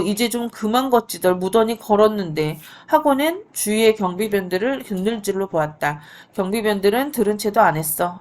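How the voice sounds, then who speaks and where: A woman teaching literature, reading a story aloud and stopping to explain it in a chatty way. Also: mid-range voice. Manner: reads dialogue with light voicing, then explains in an easy chatty tone.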